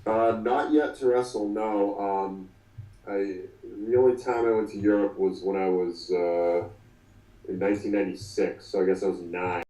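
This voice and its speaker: Heard from far off in an echoey room on a rough recording, this twentysomething man has a fairly low, dark voice with a steady tone. As a casual interview guest, he halts often, restarting and filling with ums.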